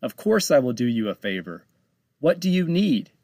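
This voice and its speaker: A man does a brash, excitable pirate captain from a storybook, his voice jumping high and loud. The tone keeps a gravelly grit and stays dry, right up on the mic. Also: moderate pace, dry recording. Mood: defiant. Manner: raised, excited, pitching up sharply. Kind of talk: storybook read-aloud.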